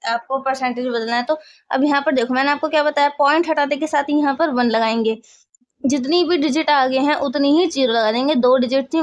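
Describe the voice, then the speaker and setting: A woman teaching a maths lesson, explaining step by step and often asking if the class follows. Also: high voice.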